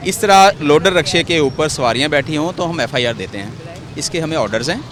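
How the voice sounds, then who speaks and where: A man with a Pakistani Urdu accent, a traffic warden, explaining the rules in a measured way at a roadside. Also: a little high, expressive, a crowd in the background. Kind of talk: official explaining on camera. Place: roadside outdoors in city traffic. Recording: loud street traffic noise.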